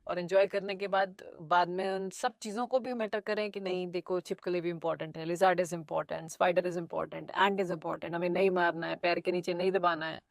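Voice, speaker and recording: A woman from India, an animated lake restoration activist telling stories in an interview with playful asides. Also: fairly low pitch, normal speed, creaky, hardly any pauses, no room sound, clean studio sound. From North India. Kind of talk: conversational interview storytelling.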